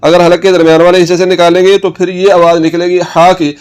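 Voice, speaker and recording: A male Quran teacher walks learners through tajweed rules, repeating each word patiently. His voice sits fairly high for a man. It comes across smooth and resonant. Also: little pitch movement, a little mellow. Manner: patient, repeats words slowly for practice. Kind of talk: tajweed lesson.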